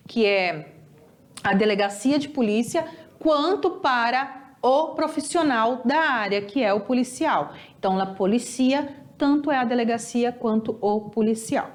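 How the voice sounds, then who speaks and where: Brazilian woman teacher, kinda high voice, slow and lively, stretches words out to show how they sound. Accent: Brazilian Portuguese. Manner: lively, drawn-out teacherly pronunciation drills. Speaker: Spanish teacher. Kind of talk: recorded classroom lesson.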